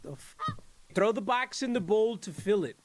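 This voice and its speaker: Over some background noise, a high-pitched, animated man at a moderate pace plays a horror game on stream. His casual commentary is all joking, profane trash talk aimed at the characters, sprinkled with Spanish slang in his English.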